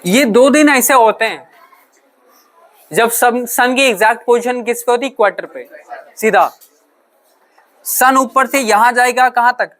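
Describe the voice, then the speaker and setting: A man's voice: very high-pitched, unhurried, long pauses, a bit bright, a little hiss or hum. A male teacher lecturing a classroom, asking questions, answering them himself, mixing in English terms and often checking whether the students understand. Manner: mixes English terms into his talk.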